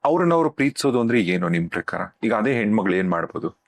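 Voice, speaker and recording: A man's voice: on the low side, very animated, fast, dry recording. Man hosting a podcast, probing questions. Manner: asks probing follow-up questions. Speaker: podcast host. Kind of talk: podcast interview.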